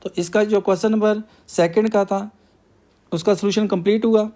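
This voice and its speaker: A man's voice: sits high, fairly even intonation, moderate pace, mellow. A male math teacher, working through a problem step by step and asking himself questions before he answers them.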